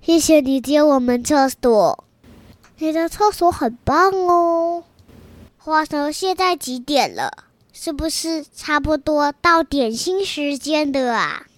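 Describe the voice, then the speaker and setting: Woman voicing a grey cat, mischievous, high voice, slow drawn-out speech, pleading, children's storybook. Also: animated.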